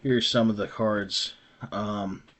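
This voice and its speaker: A man's voice: lowish voice, steady tone, slow, fairly bright tone. A man hosting a podcast, talking in a loose, rambling way and correcting himself often. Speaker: podcast host and author. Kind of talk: casual podcast monologue.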